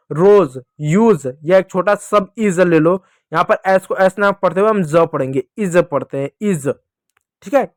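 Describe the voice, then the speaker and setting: A man teaching English to children, slowly drawing out spelling drills and prompting the kids to repeat. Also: high-pitched, no echo, studio quality. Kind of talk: classroom-style teaching lesson.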